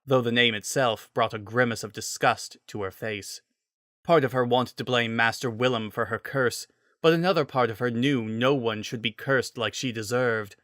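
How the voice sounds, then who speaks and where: A man's voice: mid-range voice, a bit bright, no echo, clean studio sound. A man reading a scripted story as its narrator, in a dramatic style.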